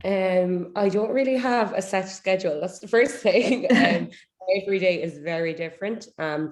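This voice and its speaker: A woman's voice: low-pitched, darkish tone. A woman with an Irish accent chatting casually as a guest in an interview. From Ireland. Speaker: podcast guest, social media manager.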